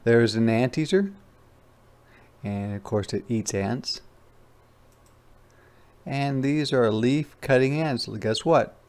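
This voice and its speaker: A man acting as a teacher reads a picture book aloud to children in a medium-pitched, darkish voice, explaining things simply. He is animated but takes it slowly, with long pauses. His manner is conversational, and he repeats phrases.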